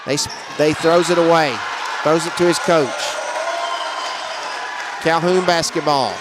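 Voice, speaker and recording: A man doing live play-by-play commentary on a basketball game, brisk and matter-of-fact, raising his voice on big plays. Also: on the high side, steady tone, a crowd in the background, noisy background. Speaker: play-by-play announcer.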